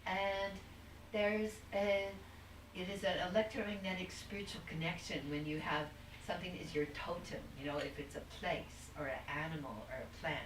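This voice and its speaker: A woman's voice: fairly low pitch, steady tone, normal speed. A woman guest talking at length in a rambling, searching way, with frequent restarts, on a video call. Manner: rambling, spiritual, many restarts. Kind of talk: casual conversation. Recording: distant roomy mic with faint noise.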